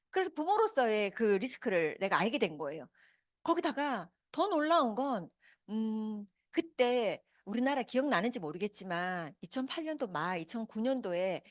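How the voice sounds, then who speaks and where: In a meeting hall before a live audience, a lively woman in her fifties gives a motivational seminar talk at a business meeting, firing many questions at the crowd. She speaks fast and upbeat, her pitch rising high and swinging widely, and the sound is dry and close with no room echo.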